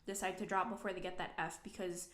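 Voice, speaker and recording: A young woman talks casually to camera like a student sharing updates with her viewers. Her delivery is informal and loosely rambling, with plenty of "like" thrown in. The room around her gives the voice a clear echo. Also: on the low side, steady tone, fast talker, fairly bright tone. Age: 20s. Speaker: nursing student vlogger. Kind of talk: casual chatty vlog to camera. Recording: echoey room.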